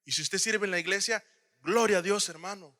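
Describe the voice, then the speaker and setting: A man preaching a sermon to his congregation, often calling them brother and swinging between loud cries and hushed asides. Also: sits high, fairly quick, big-room sound. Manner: addresses listeners as "hermano", swings from loud to hushed.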